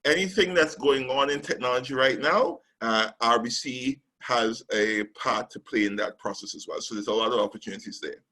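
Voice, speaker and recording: Here a male recruitment specialist from Trinidad and Tobago presents a webinar over a call microphone, measured in pace and marked by frequent ums and pauses. He has a medium-pitched, pushed, bright voice, captured with poor audio.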